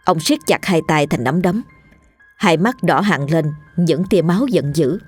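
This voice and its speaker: A woman narrating a ghost story in a steady, measured scripted reading. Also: deep voice, slightly rough. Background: faint music.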